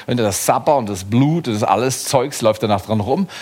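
A middle-aged man preaching a sermon to his congregation, swinging between lively raised passages and quiet, hushed ones. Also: mid-range voice, a little fast, breathy edge. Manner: lively preaching with sudden rises and hushed drops. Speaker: pastor.

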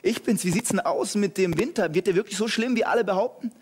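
Guy doing a clueless young chief in a sermon joke, umming and stalling, pretty high voice. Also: quick pace, slightly rough. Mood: unsure. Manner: hesitant, stalling with fillers.

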